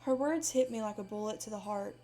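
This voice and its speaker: A woman reading a dark horror story aloud in a dramatic first-person telling. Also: mid-range voice, fairly quick, faint music behind. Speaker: narrator.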